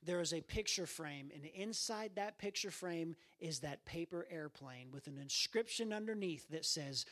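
A man's voice: animated, normal speed, few pauses, fairly bright tone. A man preaching a sermon in a church, earnest and repeating his phrases for emphasis. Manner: earnest, repeats phrases, acts out quoted voices in a raised pitch. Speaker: pastor. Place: church sanctuary.

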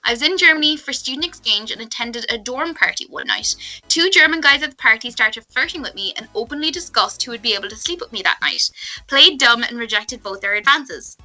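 A woman's voice: on the high side, animated, brisk, sharp tone. A woman co-hosting a casual chat, blunt and casually swearing, reading stories aloud.

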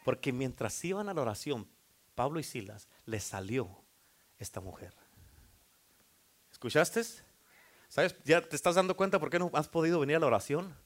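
A male pastor preaching a sermon, rising to loud fervent passages and dropping to hushed asides, acting out people's excuses. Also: fairly high pitch, lively intonation, moderate pace, pauses often.

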